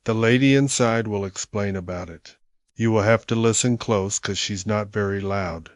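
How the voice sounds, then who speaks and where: A man's voice: on the low side, moderate pace, dry recording, studio quality. A man narrating and chatting on a museum tour, in a plain, matter-of-fact way. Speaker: vlogger touring a museum. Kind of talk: casual narration and chat. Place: museum observatory.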